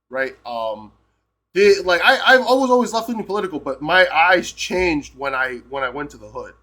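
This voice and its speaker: A man's voice: a little high, pushed and bright. A man from Peru, a live streamer, giving a rambling, emphatic and profane casual rant.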